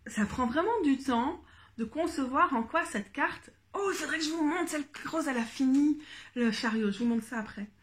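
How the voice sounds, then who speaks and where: A woman, chatting casually in a vlog, thinking aloud with many fillers and restarts, low in energy. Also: animated, normal speed. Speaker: tarot vlogger.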